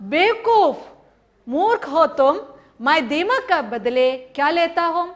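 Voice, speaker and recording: A woman's voice: high-pitched, animated, slow pace, voice pushed up. A woman reading as a scornful cart driver. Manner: scolding, emphatic. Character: mocking cart driver man, scornful trader.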